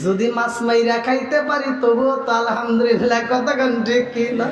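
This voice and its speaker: A man delivers a chanted sermon, calling out to his listeners in a very high voice. The sound rings with heavy echo, picked up from far away with faint music underneath. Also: flat delivery, fairly quick, muffled recording. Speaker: preacher. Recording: very echoey, distant, faint music.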